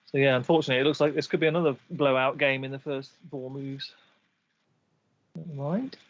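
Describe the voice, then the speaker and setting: Man, live game commentator, analytical, chatty, mid-pitched voice, muffled lo-fi audio. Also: steady tone, fairly quick, no echo. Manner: analytical, chatty, breaking down moves.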